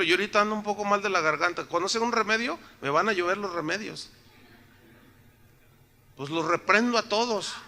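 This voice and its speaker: A man's voice: high voice, sharp tone. A man, preaching a sermon as pastor, folksy and joking, asking the congregation questions.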